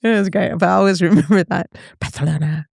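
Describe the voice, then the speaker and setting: A woman's voice: medium pitch, quick pace, creaky, a little mellow, no echo, clean studio sound. A middle-aged woman from Northern California, a voice teacher chatting casually as an interview guest, laughing often and trailing off mid-thought.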